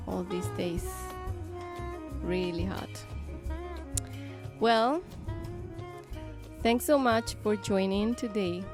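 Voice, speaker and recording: A woman with a Spanish accent, from southern Spain, chatting casually to viewers on a live stream, with halting restarts and many fillers. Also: on the low side, creaky, darkish tone. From Granada, southern Spain. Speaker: singer-songwriter hosting a live stream.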